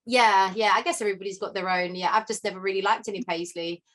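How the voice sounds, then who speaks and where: A woman hosting a casual interview from her home sewing room over a video call, chatty and quick to laugh. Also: mid-range voice, steady tone, fairly bright tone. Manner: chatty, laughs often, asks follow-up questions. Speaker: podcast host.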